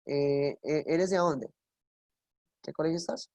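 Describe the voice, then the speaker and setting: Woman, online English teacher, lowish voice, patient and affectionate, dry close sound. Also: a little mellow, no echo. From Colombia. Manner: affectionate, coaxing, explains slowly with examples. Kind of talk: online class instruction.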